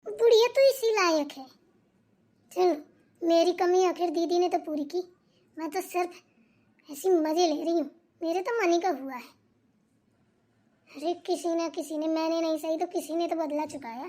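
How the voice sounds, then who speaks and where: Sneaky cartoon bahu, a woman doing her, super high squeaky voice, fake sweet then gloats. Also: normal speed, pauses often, dark tone. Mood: gloating. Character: scheming young daughter-in-law, sly and gleeful. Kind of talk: cartoon comedy voice acting.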